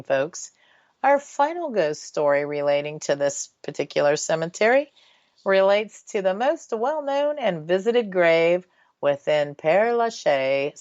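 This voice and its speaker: A woman's voice: deep voice, a little mellow, dry recording. A woman hosting a radio show, telling stories informally and checking in with listeners. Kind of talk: informal paranormal radio storytelling. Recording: dull, lo-fi radio audio.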